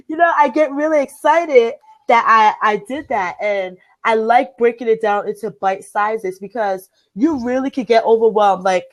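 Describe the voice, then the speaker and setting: A woman with a Liberian accent runs a motivational group chat in a somewhat high voice and at a measured pace. Earnest in tone, she leans on and repeats her key phrases. The audio is close and dry but of poor quality.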